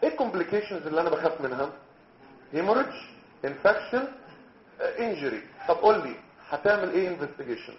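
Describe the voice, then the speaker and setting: A man's voice: fairly high pitch, sing-song, very fast, a little hiss or hum. A man with an Egyptian accent lecturing on medicine, quizzing his students and dropping in English terms. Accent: Egyptian Arabic. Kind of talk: lively lecture with role-play. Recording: roomy, dull lecture recording.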